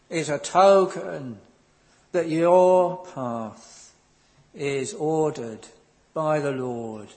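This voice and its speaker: A man preaching a sermon in a slow, earnest manner, pausing often and filling the gaps with ums. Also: fairly high pitch, a little mellow, big-room sound.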